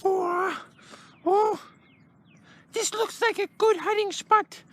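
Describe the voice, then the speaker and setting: Very high squeaky plush toy, wannabe ninja, slow drawn-out lines, karate yells. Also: male voice, steady tone. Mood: excited. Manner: breathless, full of karate yells. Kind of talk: plush toy puppet skit.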